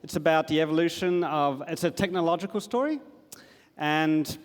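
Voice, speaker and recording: A man's voice: a little high, normal speed. A middle-aged man giving a casual, enthusiastic conference talk, with plenty of fillers. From Australia. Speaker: conference speaker. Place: large conference hall. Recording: long hall reverb.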